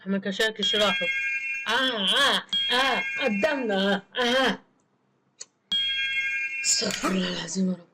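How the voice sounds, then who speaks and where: A man with an Egyptian Arabic accent commentating his gameplay in a joking, excitable way, often laughing. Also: high voice, fairly quick, long pauses, heavy background noise. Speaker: gamer. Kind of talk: let's play commentary.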